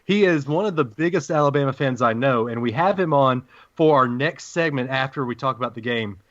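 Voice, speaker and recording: A man with a deep Southern US accent hosting a casual sports podcast in a folksy, playful showman's way. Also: a little fast, a bit bright, no room sound, lo-fi sound.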